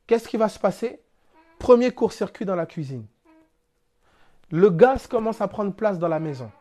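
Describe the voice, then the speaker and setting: A Frenchman gives a spiritual teaching talk at normal speed, his high, lively voice carrying a darkish tone. He explains things through everyday examples and rhetorical questions, using plainspoken, casual turns of phrase.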